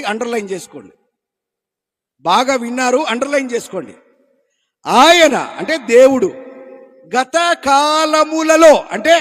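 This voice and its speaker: A man with a Telugu accent preaching a sermon with fervor, swinging between loud declaiming and low asides and acting out quoted talk. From India. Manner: acts out quoted dialogue in rustic colloquial voice.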